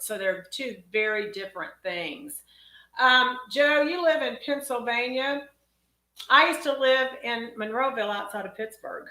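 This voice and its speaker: A woman with a Texan accent chats casually through a live question-and-answer stream, folksy and friendly with each viewer. Her voice is bright and forward. The sound carries a clear roomy echo. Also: a little high. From Texas. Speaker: dentist hosting a live Q&A.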